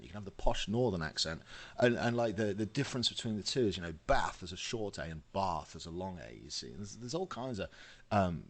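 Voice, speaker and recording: A man from Yorkshire with a softened English accent, hosting a casual interview and talking fast and chattily. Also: low voice. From Yorkshire, England. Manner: fast, chatty, laughs often. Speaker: podcast host.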